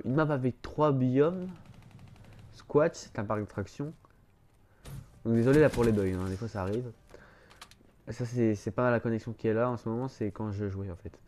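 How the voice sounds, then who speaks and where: A gaming YouTuber with a medium-pitched, dark-toned voice and a blocked, stuffy nose gives casual gameplay commentary. He rambles hesitantly, with many fillers and restarts.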